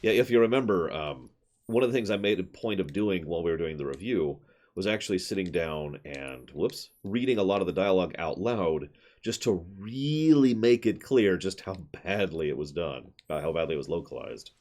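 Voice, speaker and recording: A man's voice: low-pitched, expressive, moderate pace, a little mellow. A man giving casual, opinionated game commentary with a wry manner as he streams.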